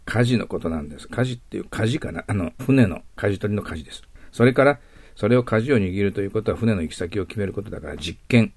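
Low, husky Japanese teacher, whispery trailing. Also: male voice, darkish tone. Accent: Japanese-accented English. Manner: slow, careful word-by-word explanations with frequent "hai" and "ne". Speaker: English vocabulary teacher. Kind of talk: recorded vocabulary lesson.

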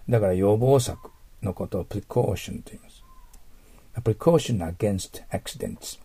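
With a lowish, mellow, slightly rough voice, a native Japanese speaker walks listeners through English vocabulary by dissecting word roots step by step, tossing out rhetorical questions along the way. The recording is dry.

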